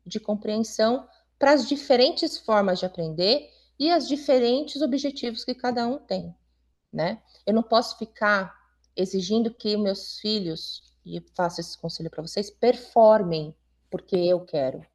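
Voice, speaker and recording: A woman's voice: mid-range voice, a little slow, darkish tone. Middle-aged woman speaking to parents. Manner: conversational, with frequent tag questions. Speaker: invited school supervisor and educator. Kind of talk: talk to parents at a meeting.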